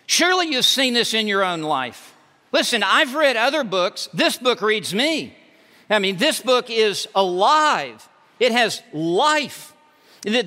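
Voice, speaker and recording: A man's voice: high-pitched, pushed and bright. A male pastor preaching a sermon from the pulpit, emphatic and repeating words for force. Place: church sanctuary. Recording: reverberant hall.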